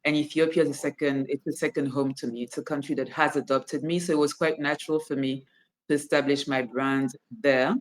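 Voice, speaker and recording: Speaking fairly quickly with fairly even intonation, a low-pitched woman reflects on her life during an interview captured on a low-quality recording. She's in her forties, from Cameroon, and founded a fashion brand.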